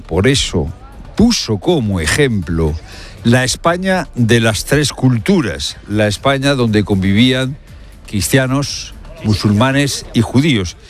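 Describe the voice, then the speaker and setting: A male commentator, talking through the news live at a mid-range pitch. He leans hard on his points and keeps throwing rhetorical questions at the listener. Hesitant fillers break up his sentences now and then. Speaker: radio commentator.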